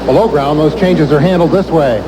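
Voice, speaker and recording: A man reporting for TV news in measured, dramatic scripted narration. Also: on the high side, heavy background noise.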